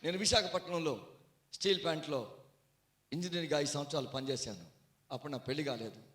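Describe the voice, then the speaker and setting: A man preaching a sermon in a storytelling way, swinging from hushed tones to loud outbursts. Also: on the high side, brisk, roomy sound. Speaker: guest preacher.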